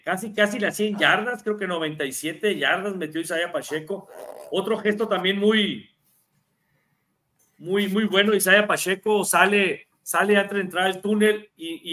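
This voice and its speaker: A man's voice: high-pitched, fairly bright tone. A man with a Mexican Spanish accent, co-hosting a casual NFL talk show, chatty and given to repeating words as he restarts. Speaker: NFL podcast co-host. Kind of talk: casual sports analysis chat.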